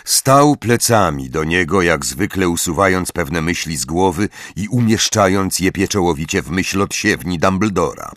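A man narrating an audiobook in measured, expressive storytelling. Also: deep voice, no room sound. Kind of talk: scripted narration.

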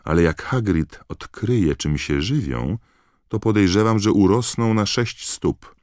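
A clever teenage girl snaps out her points in a brisk, irritated tone, as a man voices her in an audiobook. The voice is pushed up well above his own register and recorded close and dry. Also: expressive, a little mellow, no room sound, exaggerated voice. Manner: irritated, brisk, raised pitch. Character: clever, sharp-tongued teenage schoolgirl.

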